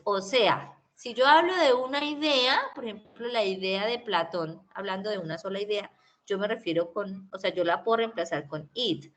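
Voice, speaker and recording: A woman with a Colombian Spanish accent teaching English in an online class, explaining in Spanish and saying English examples slowly. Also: mid-range voice, fairly bright tone. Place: video call recording.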